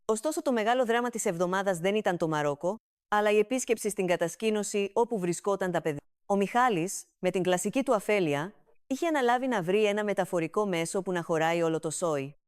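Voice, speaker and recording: A woman narrating a comic family story with an even, steady storytelling delivery, recorded close to the mic. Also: mid-range voice, smooth, no echo.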